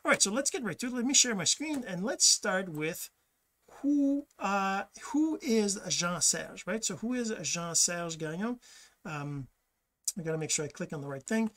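A middle-aged podcast host from Quebec, Canada, whose first language is French, gives a casual monologue with screen share from a desk webcam in a small home office. His voice sits high, is expressive and fairly bright, and moves at a moderate pace as he rambles and corrects himself.

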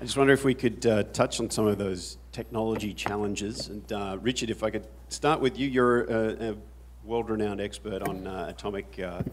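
A man's voice: fairly low pitch, steady tone, moderate pace, a crowd in the background, noisy background. A man moderating a panel, hesitant with many fillers, heard through a distant mic in a hall. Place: conference hall.

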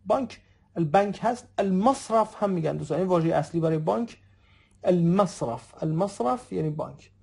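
A man in his thirties teaching a recorded language lesson, patiently repeating example phrases slowly and often addressing his listeners as friends. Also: high-pitched, lively intonation, vocal fry, mellow, slightly rough. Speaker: Arabic dialect teacher.

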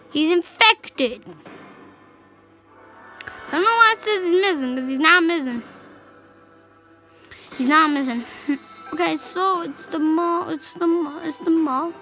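High-voiced excitable woman gaming. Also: a little slow, pauses often, rough recording. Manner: excitable, swings between yelps and hushed whispers. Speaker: gameplay commentator. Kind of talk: let's play commentary. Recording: game music playing clearly behind the voice.

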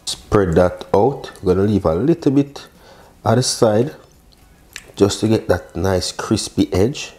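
In a modern home kitchen, a deep-voiced male chef hosts a cooking video, casually demonstrating a recipe step by step. He's expressive, unhurried and mellow, chatting to the viewer with short exclamations.

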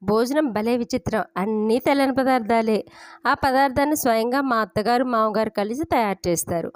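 A woman narrating a family story in the first person, with steady, unhurried storytelling. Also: fairly high pitch, no echo.

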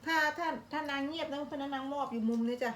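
A woman's voice: sits high, fast talker. A woman, chatting casually with a friend over a meal and talking to her viewers as friends. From Thailand. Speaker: vlogger. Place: home in England, over a meal. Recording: echoey room with faint noise.

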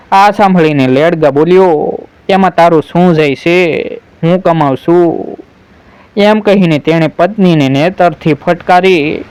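A man narrating a folk tale in an unhurried storytelling manner, reading every character's lines in his own voice. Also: on the high side, a little mellow, clean tone, dry recording.

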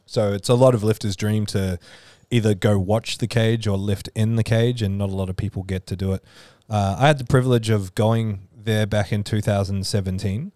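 A man hosting a podcast, explaining things in a relaxed way. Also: on the low side, normal speed, few pauses, dry recording. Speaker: podcast host. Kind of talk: casual chat.

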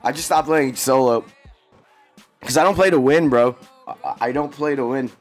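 A man's voice: mid-range voice, moderate pace, soft background music. Laid-back chatty male streamer. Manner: laid-back, chatty, slangy, addresses viewers as bro and dog. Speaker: game streamer. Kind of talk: casual livestream chat.

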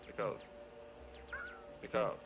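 A gameplay video creator offers casual let's play commentary, rambling playfully and thinking aloud as he plays. He speaks at a slow pace over music.

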